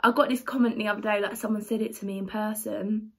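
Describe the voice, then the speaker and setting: A woman's voice: medium pitch, flat delivery, fast talker, a bit bright, husky. A young woman reading viewer comments aloud and answering them in a chatty, blunt, sarcastic way in a casual vlog. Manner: reads comments aloud, then reacts.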